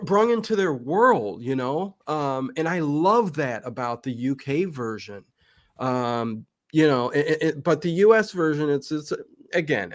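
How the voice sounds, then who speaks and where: Here a middle-aged man with a high-pitched voice is an interview guest in a casual chat, making emphatic points and repeating words for stress.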